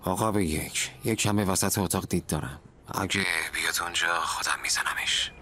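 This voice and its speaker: A woman voicing a male police sniper who murmurs in a hushed whisper. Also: a bass voice, a little hiss or hum, pitched below the performer's own voice.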